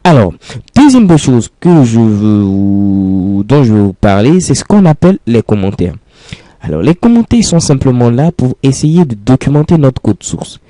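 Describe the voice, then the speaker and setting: A man's voice: medium pitch, very animated, moderate pace, warm tone, no room sound. A man teaching a programming lesson in French over a screen recording, explaining patiently step by step and repeating key phrases. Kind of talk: screencast coding tutorial.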